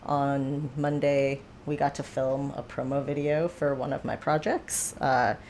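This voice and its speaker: A woman's voice: very deep voice, steady tone, unhurried, darkish tone, a little hiss or hum. A woman hosting a livestream from home, chatting casually with viewers in a rambling way full of fillers and asides. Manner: rambling, filler-heavy, self-aware. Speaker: livestream host. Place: home, seated.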